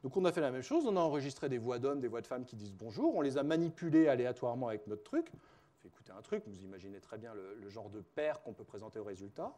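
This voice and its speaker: Mellow-voiced man giving a chatty lecture. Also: medium pitch, very animated, fast talker. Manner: chatty, with many "euh" and "hein" fillers and self-corrections; wry, joking asides. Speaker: cognitive science researcher giving a lecture. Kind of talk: spontaneous conference lecture.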